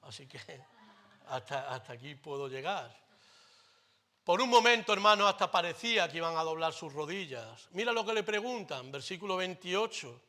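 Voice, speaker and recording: A pastor with a Spain Spanish accent preaching a sermon in church into a microphone. He swings between loud declarations and quiet, close asides, with light jokes along the way. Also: on the high side, lively intonation, moderate pace.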